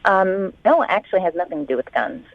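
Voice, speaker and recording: Lively woman on a muffled phone line. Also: fairly low pitch, fast, dry recording. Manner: hesitant, then indignant. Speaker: caller. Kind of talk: phone call on radio.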